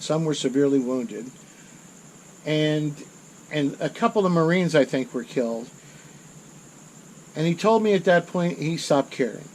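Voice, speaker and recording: Guy in his middle years telling a story off the cuff, keeps restarting, a bit high-pitched, some crickets faintly behind. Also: a little hiss or hum, poor audio. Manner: rambling, self-correcting, rises in intensity at dramatic moments. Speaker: channel host. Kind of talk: casual storytelling monologue.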